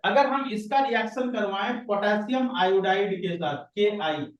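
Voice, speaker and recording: A man's voice: high voice, a little slow, lo-fi sound. Man teaching a class in a roomy room. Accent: Indian. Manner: strict, questioning, calls on students by name. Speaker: science teacher. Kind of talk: classroom lecture with questions to students. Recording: roomy classroom audio from a distance.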